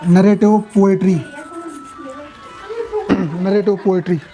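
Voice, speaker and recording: A man's voice: sits high, flat delivery, takes it slowly, mellow, faint music behind, a faint crowd. Male tutor, classroom lecture, casual and talkative, keeps checking students follow. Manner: chatty, asks students questions, jokes. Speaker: coaching class teacher.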